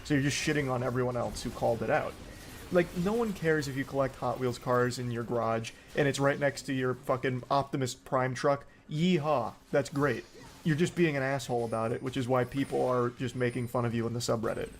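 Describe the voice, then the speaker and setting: A man's voice: medium pitch, steady tone, fairly quick, a little hiss or hum. A man reading online comment threads aloud and mocking them sarcastically, swearing freely. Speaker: commentary host.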